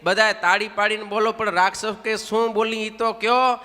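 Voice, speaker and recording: A man voicing the playful monkey god Hanuman in a devotional story, giving calm, teasing commands in a reverberant hall. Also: high voice, moderate pace.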